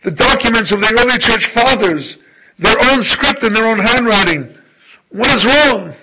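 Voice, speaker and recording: A man voicing startled heavenly angels who speak high, loud and urgent. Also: expressive, normal speed, a little hiss or hum, exaggerated voice, rough recording. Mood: alarmed.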